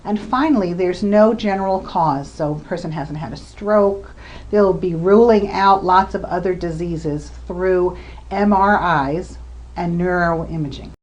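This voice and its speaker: Woman giving a clear explanatory lecture. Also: on the low side, a little slow, darkish tone. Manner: explanatory, gives examples with occasional fillers. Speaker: researcher lecturing on communication disorders. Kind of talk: recorded lecture presentation.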